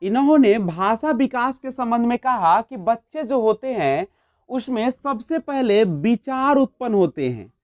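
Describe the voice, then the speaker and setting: A woman's voice: a little high, lively intonation, measured pace, a little mellow, no room sound. Woman teaching an exam-prep lecture. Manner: explanatory, poses questions and answers them; mixes English terms into Hindi.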